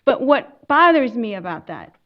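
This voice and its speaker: A woman from Lebanon speaking on a legal panel, earnest and emphatic, pausing and correcting herself as she explains. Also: fairly high pitch, big pitch swings, highs cut off. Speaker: immigration attorney on a panel. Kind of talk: panel talk to an audience.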